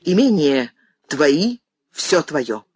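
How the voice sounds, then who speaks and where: Woman reader doing a tired anguished son in an audiobook, low and pleading, husky, dry sound. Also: big pitch swings, very slow, a little mellow, dry recording, exaggerated voice. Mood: bitter. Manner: pleading, restrained, then bitter. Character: anguished grown son, weary, pleading, bitter.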